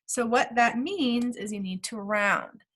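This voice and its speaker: A woman teacher walks step by step through a math problem in a recorded lesson. She speaks at a slow, steady pace in a fairly high voice, checking in with her students as she works. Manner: talks through steps aloud, checking in with okay.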